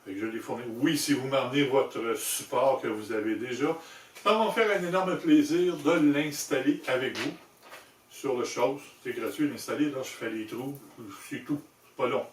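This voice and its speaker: A man with a Québécois French accent giving an informal hands-on product demonstration, explaining in a halting way with self-corrections. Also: mid-range voice. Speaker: presenter demonstrating motorcycle gear he designed. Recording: echoey room, distant mic, handling noise.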